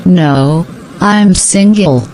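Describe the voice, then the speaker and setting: Slow, measured woman answering drills. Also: lowish voice, a little mellow, a little hiss or hum, low-quality recording. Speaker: practice dialogue speaker. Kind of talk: scripted language-drill answers.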